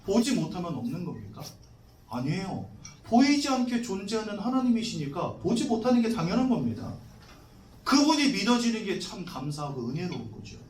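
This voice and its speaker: Male pastor in his forties with a high, animated voice. Casual, questioning sermon, recorded from afar in a roomy hall. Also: a little fast, recorded from a distance, slight background noise. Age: 40s. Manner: conversational, asks the congregation questions, jokes. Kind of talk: sermon to new members. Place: church hall.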